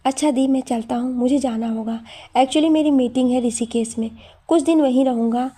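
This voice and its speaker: A woman's voice: high-pitched, moderate pace, dark tone, slightly rough. Woman voicing a playful joking young man. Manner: playful, teasing.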